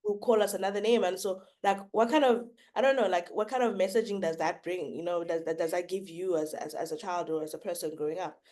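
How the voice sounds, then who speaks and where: A woman's voice: on the low side, fast talker, hardly any pauses, warm tone. A woman hosting a casual interview podcast, asking thoughtful, probing questions and hedging with "like" and "I don't know". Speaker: podcast host.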